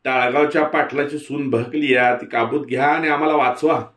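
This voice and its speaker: A man voicing a scheming, angry village man who pleads loudly in rustic, drawn-out speech. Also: medium pitch, steady tone, reverberant, pitched above the performer's own voice, lightly acted. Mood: urgent pleading.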